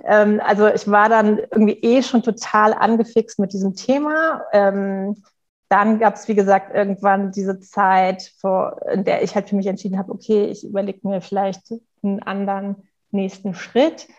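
A woman's voice: mid-range voice, level tone, normal speed, highs cut off. A woman in her thirties speaking candidly as an interview guest, thinking aloud in a reflective, conversational way. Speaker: interview guest, company co-founder. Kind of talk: casual interview talk.

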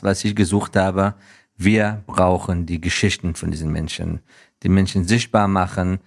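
Being interviewed as a guest, this business professional from Afghanistan has a deep voice with some vocal fry. He comes across as sincere and thoughtful, often breaking off mid-sentence and starting over as he hunts for words.

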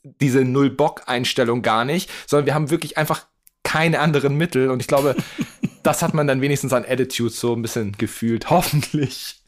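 A man who is a guest rapper, chatting casually in a relaxed, slangy way over low-quality remote stream audio. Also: moderate pace. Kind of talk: casual podcast chat.

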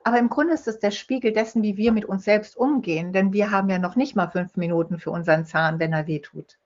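A woman's voice: medium pitch, fast talker, a little mellow. Woman, interview guest, storytelling, acts out quotes, dull lo-fi recording. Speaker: guest, holistic dental health speaker. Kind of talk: conversational interview. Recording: dull lo-fi sound.

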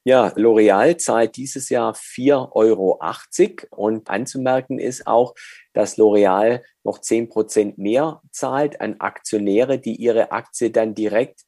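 A man explaining dividends and withholding tax as an interview guest, measured and with frequent hesitations. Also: fairly low pitch, dark tone, no echo, clean studio sound.

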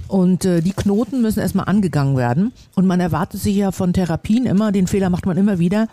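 A man's voice: sits high, fast talker, mellow, no echo. A man telling a personal story in a casual chat on a small balcony, earnest and confessional. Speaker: podcast co-host.

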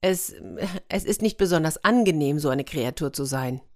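A woman's voice: sits low, animated, moderate pace. A woman voicing an anxious, tearful young princess who stammers, in a storybook reading. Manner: stammering, flustered.

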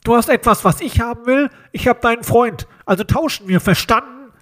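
A man's voice: very high-pitched, brisk, a bit bright, voice pushed up. A man voicing a teenage bully who disguises his voice on the phone by holding his nose, nasal and mocking. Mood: menacing. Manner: threatening, mocking. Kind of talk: audiobook reading.

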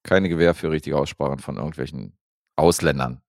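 A man co-hosting a podcast, reviewing a film in a relaxed, rambling way with lots of fillers. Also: rumbling low, a little fast, vocal fry, no room sound, studio quality. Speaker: podcast co-host reviewing films. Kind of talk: casual chat.

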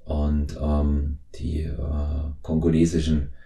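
A man in his fifties hosting a podcast interview, talking in a halting way with many fillers and restarts. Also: a bass voice, completely flat delivery, gravelly, dark tone, echoey room. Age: 50s. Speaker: podcast host. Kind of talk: conversational interview.

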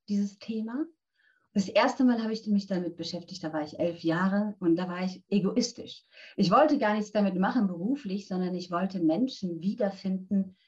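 A woman's voice: mid-range voice, darkish tone, muffled recording. Earnest woman in her fifties, voice coach. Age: 50s. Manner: earnest, direct, addresses listener with instructions. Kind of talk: interview answers, coaching tips.

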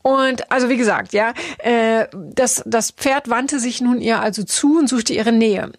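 A woman's voice: fairly high pitch, measured pace, no room sound. Woman coach, casual storytelling, lots of fillers, acts out dialogue, close dry sound. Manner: chatty, many fillers and restarts, acts out dialogue.

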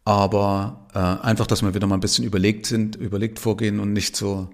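A man's voice: lowish voice, level tone, fairly quick. A man in his fifties hosting a solo podcast, talking in an emphatic, conversational way with frequent tag questions. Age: 50s. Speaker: podcast host. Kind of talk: casual monologue podcast.

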